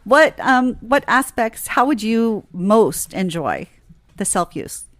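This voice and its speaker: A woman's voice: on the high side, sing-song, slow pace, fairly bright tone, no echo, studio quality. A woman hosting a podcast, asking playful, probing questions in casual chat. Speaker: podcast host.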